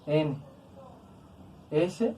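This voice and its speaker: A woman teaching a grammar lesson, speaking slowly and deliberately, repeating words to stress each syllable. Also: low-pitched, big pitch swings, mellow, husky. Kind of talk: classroom-style grammar lesson.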